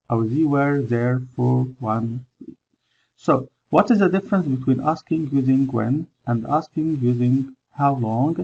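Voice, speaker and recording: A man's voice: mid-range voice, vocal fry, husky, narrow, tinny audio. A man with an Egyptian accent, teaching an English lesson over slides. He switches between English and Arabic and stops often with "uh" to think. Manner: explains in English and Egyptian Arabic by turns, with many "uh" pauses.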